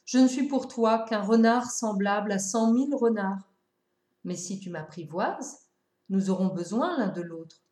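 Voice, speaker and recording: Woman doing wise old fox from a storybook, calm and wistful, warm mellow tone. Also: mid-range voice, measured pace, echoey room, lightly acted.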